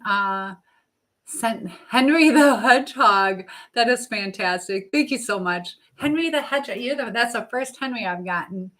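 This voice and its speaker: A woman with a slightly high, somewhat bright voice hosts a casual live chat. She rambles and trails off mid-thought while talking to viewers and reading their comments.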